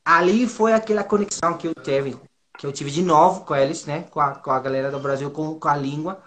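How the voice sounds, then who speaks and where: A Monterrey native from northern Mexico whose first language is Spanish speaks with a Mexican accent in a voice that is a little high and fairly bright. He's chatting informally as an interview guest. Hesitant and nervous, he halts often, repeats himself and drops slangy tags.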